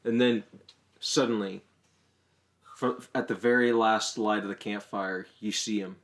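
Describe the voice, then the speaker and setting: A man's voice: lowish voice, fairly even intonation, unhurried, fairly bright tone, slight background noise. A young man hosting a casual podcast, joking around and spinning a silly hypothetical story for his friends. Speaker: podcast host. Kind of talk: casual chat, running a hypothetical.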